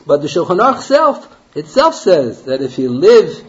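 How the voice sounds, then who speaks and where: A man's voice: a little high, big pitch swings, normal speed. A man teaching a Torah class in a conversational way, asking rhetorical questions and mixing Hebrew and Yiddish terms into his English. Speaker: rabbi teaching a Talmud class. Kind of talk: Torah lecture. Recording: dull lo-fi lecture recording.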